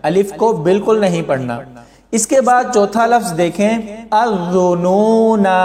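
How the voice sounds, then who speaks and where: Slow, patient man teaching recitation. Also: sits high. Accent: Pakistani Urdu. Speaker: Quran teacher. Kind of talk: slow explanatory lesson with chanted recitation. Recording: echoey room with long reverb.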